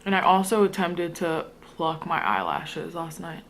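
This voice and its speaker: A young food vlogger chats casually to her viewers during a mukbang, rambling in an informal, slangy way. Her voice is on the low side and expressive, with a measured pace, and there's a little hiss or hum in the recording.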